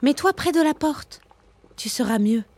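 A woman voicing a small, sly, cheerful female tortoise in a storybook reading, with a bright, eager, sing-song delivery. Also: high voice, animated, unhurried, no room sound, pitched above the performer's own voice.

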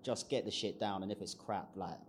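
A man's voice: lowish voice, brisk, slight background noise. Laid-back man with casual slang. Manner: informal, uses slang like "innit" and "ain't". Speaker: panellist. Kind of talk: live panel discussion.

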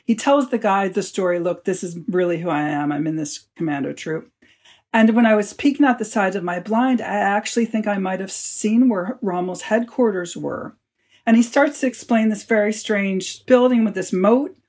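A man's voice: high voice, moderate pace, darkish tone. A man, an author, telling stories as a guest in an interview and acting out the lines he quotes. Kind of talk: storytelling in a podcast interview.

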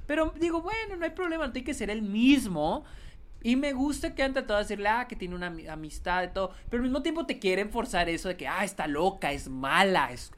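A woman's voice: fairly high pitch, animated, fast. Blunt, slangy Mexican woman. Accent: Mexican Spanish. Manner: blunt and slangy, swears freely. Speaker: podcast co-host. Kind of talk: casual film review chat.

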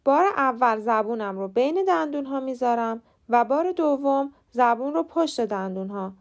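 A woman hosting a short podcast lesson, explaining pronunciation in clear, patient steps. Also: sits high, animated. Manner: clear, patient step-by-step instruction. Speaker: podcast host teaching English pronunciation. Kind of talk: scripted lesson narration.

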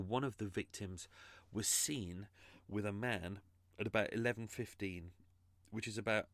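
A man's voice: on the low side, a bit bright, no echo. A man hosting a true crime podcast, explaining his research in an earnest, casual monologue.

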